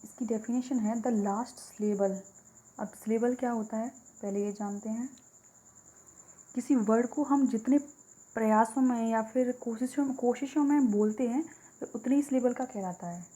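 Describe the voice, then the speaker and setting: Mellow-voiced woman teaching a lesson. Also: a little high, rough recording. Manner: explains step by step, repeats key words; reads English examples slowly. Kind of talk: exam-prep lesson.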